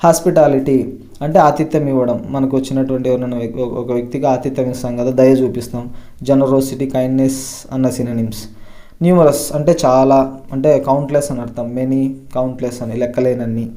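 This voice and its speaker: A man's voice: mid-range voice, fairly even intonation, fairly quick, mellow. A man teaching English vocabulary, going through word lists and stressing each new word before he explains it. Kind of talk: vocabulary lesson explained in Telugu.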